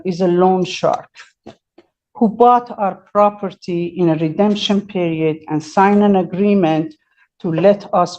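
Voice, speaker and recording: A woman's voice: mid-range voice, darkish tone, dull audio. A woman representing herself in court, pleading her case insistently and formally to the judge. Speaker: self-represented defendant. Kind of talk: courtroom argument.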